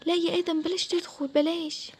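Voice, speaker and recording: A woman's voice: very high-pitched, level tone, darkish tone, a little hiss or hum, pitched above the performer's own voice. A woman with an Egyptian accent voicing a frightened, cautious young girl who pleads anxiously. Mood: scared worried. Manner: worried pleading, quick. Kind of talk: storytelling for an animated game video.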